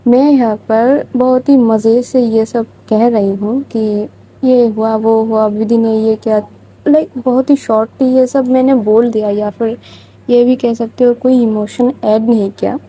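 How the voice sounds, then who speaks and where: A woman's voice: a little high, fairly even intonation, measured pace, dark tone, slightly rough, low-quality recording. A woman narrating a story in a chatty, informal way, with confiding asides to listeners.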